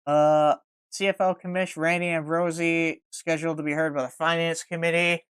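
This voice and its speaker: A man's voice: fairly high pitch, level tone, moderate pace, a bit bright, clean tone, dry recording. A man hosting a casual sports podcast, reading through news items and then riffing on them. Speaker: podcast host.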